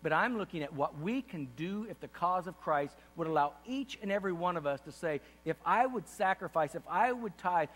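A man's voice: high voice, a bit bright. A middle-aged man, a pastor, giving an earnest state-of-the-church address from a podium on a large auditorium stage, rising to impassioned emphasis. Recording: distant reverberant hall with faint hum.

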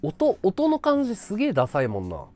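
Animated Japanese streamer, very lively pitch. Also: male voice, brisk, faint music behind. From Chiba, Japan. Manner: rambling, animated, laughing at his own stories. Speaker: live streamer. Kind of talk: casual chat with viewers.

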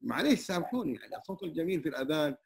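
An older Hijazi man talks with quick, earnest warmth, scattering pious phrases through his speech. His voice is husky and sits fairly high for a man. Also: very animated. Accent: Hijazi Arabic. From Saudi Arabia. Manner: humble, emphatic, many religious phrases. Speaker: interviewee, traditional singer and muezzin. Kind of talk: open conversation. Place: neighborhood community hall.

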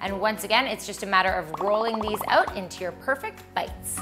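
A woman's voice: mid-range voice, fairly quick, music in the background. A woman guest cook giving an upbeat, step-by-step demonstration in a home kitchen. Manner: upbeat, explaining each step. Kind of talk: casual cooking demonstration.

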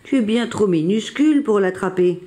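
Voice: medium pitch, lively intonation, normal speed, warm tone, close to an everyday voice. A storyteller voicing Jean-Claude, a patient, sceptical friend who plays along with hesitant, sighing lines and mock dramatic cries for help. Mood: doubtful. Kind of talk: storybook read-aloud.

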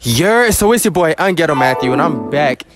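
A young man hosts a street interview inside a busy mall, pitch leaping up and down with excitement. He talks in slang and keeps tossing in "you know what I'm saying". Music plays loudly behind him. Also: moderate pace. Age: young adult. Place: indoor shopping mall.

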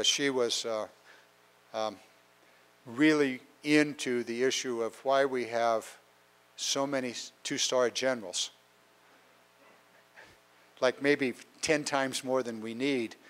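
A man's voice: mid-range voice, fairly bright tone, smooth. An older man speaking at a town hall with a handheld mic in a council chamber, plainspoken with many fillers, getting a cold. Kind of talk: public town hall talk. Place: large council chamber with an audience.

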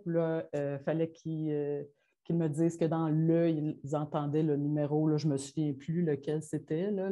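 Presenting her classroom methods to colleagues, a teacher with a Quebec French accent speaks informally and hesitantly, full of fillers and restarts, in a delivery she herself calls rushed. Her voice is on the low side with a dark tone.

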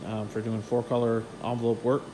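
A man gives a relaxed, technical tour of his print shop, explaining the machines with plenty of "uh"s and "um"s in an even, level tone. His mid-range voice moves fairly quickly and is captured by a handheld phone as he walks through offices and a warehouse. A clear air-conditioning hum runs underneath.

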